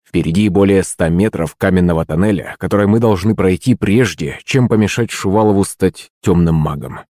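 A man with a fairly low voice narrates an audiobook in the first person. He reads at a steady, even pace. The sound is close and dry, with no room reverb. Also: fairly quick.

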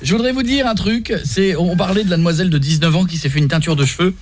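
High-voiced joking radio host. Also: male voice, faint music behind. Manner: jokey, mocking, quick to riff. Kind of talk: morning radio banter.

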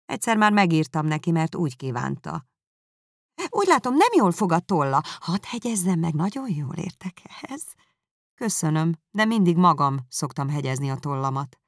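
A woman reading aloud, voicing a reserved, proud young gentleman who speaks in a cool, measured way. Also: low-pitched, very animated, dry recording, studio quality, exaggerated voice. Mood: curt. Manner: cool, measured, dryly critical.

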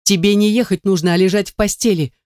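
A reader voicing a furious, defiant young woman who hisses and shouts back. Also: medium pitch, steady tone, fairly quick, no echo, studio quality, natural voice. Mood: exasperated. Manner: sharp, hissing, shouting back.

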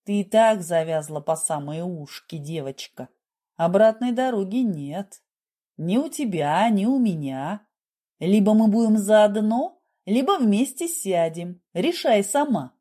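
Brief: woman putting on a sly, soft-spoken male doctor, low and mellow, storybook reading. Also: a little slow. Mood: coaxing. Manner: coaxing, calmly persuasive. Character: man, smooth scheming clinic doctor.

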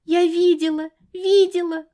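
Little girl, tearful and stubborn, high whiny pleading voice, done by a woman reader. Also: flat delivery, measured pace, mellow. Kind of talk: audiobook character voice.

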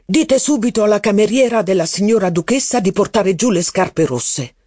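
Bossy duke, as a male reader puts him on, loud, exclamatory, fairly high voice, dry close sound. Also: animated, normal speed, no room sound. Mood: scolding. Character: blustering aristocratic duke, middle-aged, bossy and impatient.

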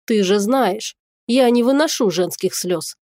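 A woman's voice: fairly high pitch, unhurried, a little mellow, no echo, clean studio sound, close to an everyday voice. Woman reading as a haughty dragon man. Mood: gruff. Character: arrogant cynical male dragon shapeshifter, big and strong.

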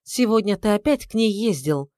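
A woman voicing a hysterical, pleading middle-aged wife with a shrill, tearful manner. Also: animated, moderate pace, a little mellow, no echo, clean studio sound, close to an everyday voice. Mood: shrill accusing.

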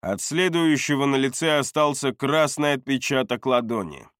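A man narrating a first-person fantasy audiobook in a steady, measured manner. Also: mid-range voice, no room sound, studio quality.

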